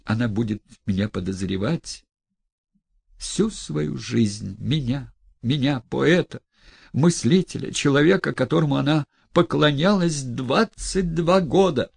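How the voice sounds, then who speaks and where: Man voicing a terrified old gentleman, hushed and slow, husky with gravel. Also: mid-range voice, dry recording, pitched above the performer's own voice. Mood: despairing. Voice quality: hushed, fearful, drawn-out. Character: frightened elderly male gentleman, despairing.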